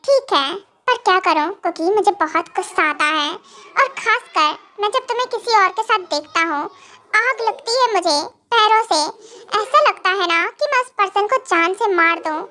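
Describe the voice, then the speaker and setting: A woman's voice: very high-pitched, expressive, moderate pace, sharp tone, full character voice. A woman voicing a stern, possessive young husband in a fan audio drama, scolding and then coaxing.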